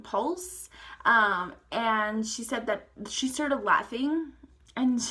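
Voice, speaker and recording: A young woman telling a rambling, profane storytime to her viewers, full of "like" and "guys" and quick laughs. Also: fairly high pitch, a bit bright. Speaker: storytime vlogger. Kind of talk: casual storytime vlog.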